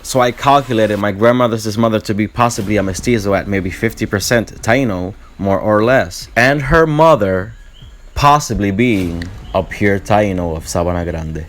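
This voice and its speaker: Reading a script to camera for his vlog, a Puerto Rican man talks in an earnest, explanatory way. His voice is on the low side and moves at a normal speed.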